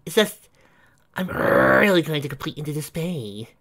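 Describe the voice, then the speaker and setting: A smug young female stage pony, smirking through her lines, as a male reader plays her. Her voice is slightly raised and bright. It has a showy, lively lilt. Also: a little high, moderate pace, voice pushed up. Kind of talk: fan fiction audiobook reading.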